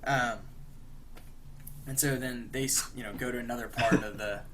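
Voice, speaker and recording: A young man on a podcast recaps a cartoon episode at length, rambling and filling gaps with "like" and "you know". His voice is bright and clear, at an ordinary pitch. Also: steady tone, moderate pace, slight background noise. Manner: rambling, many fillers and 'like'. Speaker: podcast co-host. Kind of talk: casual chat, retelling a cartoon episode.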